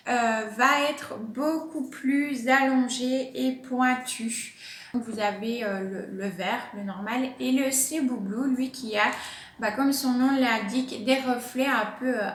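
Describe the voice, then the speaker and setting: A woman with a high voice talks slowly and casually about her houseplants, pausing often with fillers as she explains. The sound has the ring of an echoey room at home. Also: a little hiss or hum. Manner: chatty, hesitant with many fillers. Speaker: plant channel host.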